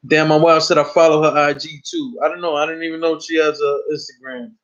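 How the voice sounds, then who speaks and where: A man's voice: a little high, little pitch movement, a little fast, fairly bright tone. Profane, repetitive man hosting a lo-fi stream. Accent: New York. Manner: loose, profane, repeats words. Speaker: host. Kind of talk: casual live-stream chat. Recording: dull lo-fi stream audio.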